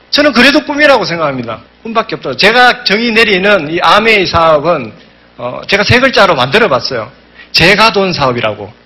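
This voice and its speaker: A man's voice: sits high, husky. A man giving an emphatic motivational seminar speech, telling stories and acting out quotes. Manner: emphatic, animated storytelling with acted-out quotes. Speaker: business seminar speaker.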